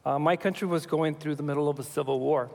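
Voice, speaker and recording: A man's voice: fairly high pitch, steady tone, gravelly, darkish tone. Man telling his story in a reverberant church hall. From El Salvador. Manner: reflective, measured storytelling with frequent fillers. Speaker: church speaker sharing testimony. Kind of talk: personal testimony to a congregation.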